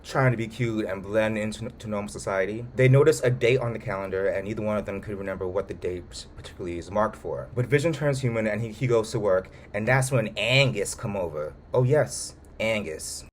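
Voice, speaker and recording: A man with a lowish voice talks through a recap in a loose, chatty way, tossing in playful comments as he goes. His delivery is lively and conversational, and a faint hum sits under the recording. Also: fairly quick, hardly any pauses. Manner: animated, colloquial, joking asides. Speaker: YouTube show reviewer. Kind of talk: casual recap and review.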